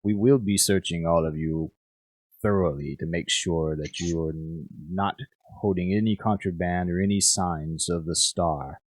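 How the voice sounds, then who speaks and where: Harsh suspicious guard captain, done by a guy, barking orders, deep. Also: steady tone, measured pace, dry recording. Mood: stern. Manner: barked accusations. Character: stern male guard captain, suspicious and aggressive.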